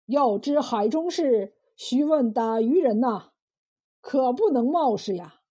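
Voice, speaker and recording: Woman doing a blunt old fisherman, slow folksy drawl, husky tone, storytelling voice. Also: a little high, animated, dark tone, exaggerated voice. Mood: lecturing. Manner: slow, drawn-out folksy speech. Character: weathered old male fisherman, blunt and wise. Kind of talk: storytelling role voice.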